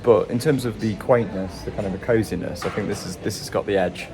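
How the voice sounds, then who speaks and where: A man's voice: on the low side, fairly quick, vocal fry. A young man hosting a casual travel vlog, chatting with his companion as they walk. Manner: chatty, asks companion questions. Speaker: travel vlogger host. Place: outdoors in a lakeside village. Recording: outdoor street noise.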